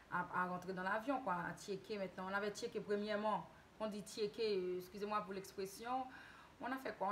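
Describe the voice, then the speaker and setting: A woman from Haiti shares a casual story-time tale with her viewers in a mid-pitched voice. She talks hesitantly, often restarting words and correcting herself. A faint hiss runs under the recording. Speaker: YouTuber telling a story.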